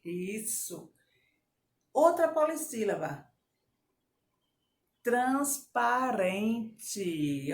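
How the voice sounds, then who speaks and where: A woman teaching a grammar lesson to children, slowly repeating their answers and praising them. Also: mid-range voice. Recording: echoey room with faint background hiss.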